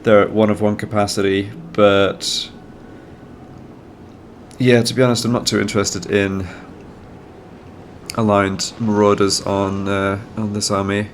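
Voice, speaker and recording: Thinking aloud over a strategy game, a man with a cold speaks a little slowly in a fairly low, slightly nasal voice with little pitch movement, pausing often. He hosts a gaming channel and explains each move casually, and the audio carries a little hiss or hum.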